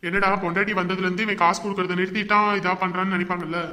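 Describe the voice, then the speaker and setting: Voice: medium pitch, flat delivery, rapid-fire, pushed and bright, close to an everyday voice. A performer playing a meek hesitant husband. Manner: hesitant, yielding.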